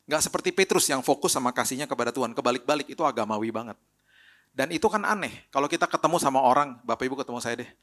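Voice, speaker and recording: A middle-aged man with an Indonesian accent, a pastor preaching a lively, story-filled sermon and acting out the quotes. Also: mid-range voice, racing. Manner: lively storytelling with acted quotes, mixes in English phrases.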